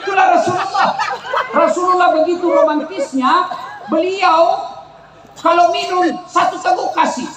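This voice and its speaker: Joking Makassar preacher, high voice, echoey square. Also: male voice, steady tone, moderate pace, over a noisy crowd, heavy background noise. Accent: Makassar Indonesian. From Indonesia. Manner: comic storytelling, teasing the audience. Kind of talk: humorous sermon to a crowd. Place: outdoor town square gathering.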